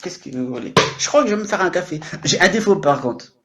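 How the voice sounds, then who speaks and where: A talkative man in his late thirties with a French accent and a fairly high voice, chatting into his own microphone on a live stream. He rambles, jumps between topics and teases himself and his viewers. The talk sounds loose and improvised. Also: animated, quick pace, fairly bright tone. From France. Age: late 30s. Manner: teasing and self-mocking. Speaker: livestreamer.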